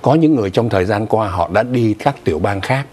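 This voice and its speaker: Co-hosting a morning news show from a TV studio, a man in his sixties explains the news casually, adding asides, picked up by a lapel mic. His fairly low voice is expressive with a darkish tone, and he speaks at a quick pace.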